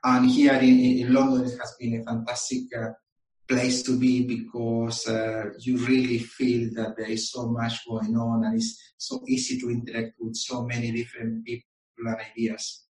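A man from Chile, answering interview questions in a measured way and pausing often with ums and uhs. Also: medium pitch, completely flat delivery, a little mellow, recorded from a distance. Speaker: guest. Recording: echoey room, voice a bit off-mic.

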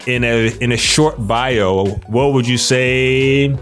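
A man's voice: medium pitch, fairly even intonation, slow pace, a bit bright, soft background music. A man hosting a podcast in a casual, chatty interview style, affirming his guest as he goes. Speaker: podcast host.

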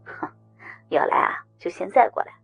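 A woman's voice: normal speed, soft background music, lightly acted. A woman voicing a sly, scheming young man with a smug, teasing drawl, in a told story. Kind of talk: storytelling narration.

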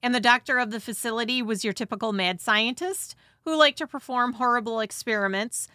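A woman's voice: fairly high pitch, brisk, sharp tone, no echo, clean studio sound. A woman hosting and narrating from a script with casual, conversational asides and a dramatizing touch. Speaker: host.

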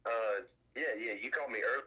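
A man's voice: medium pitch, fast talker, sharp tone, slightly rough, low-quality recording. A man calling in on a speakerphone as the host's son, giving brief, hesitant replies. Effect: heard over a speakerphone.

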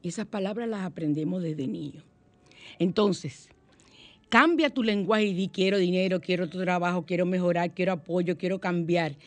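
A middle-aged woman hosting a motivational radio talk, telling stories warmly and acting out the voices she quotes. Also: on the low side, normal speed, no echo. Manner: warm, animated storytelling with acted-out quotes. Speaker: radio show host.

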